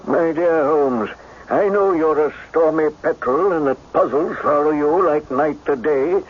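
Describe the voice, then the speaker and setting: Radio drama: stuffy Victorian doctor, dismissive, raspy, higher-pitched, muffled broadcast. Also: male voice, measured pace. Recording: dull old radio broadcast.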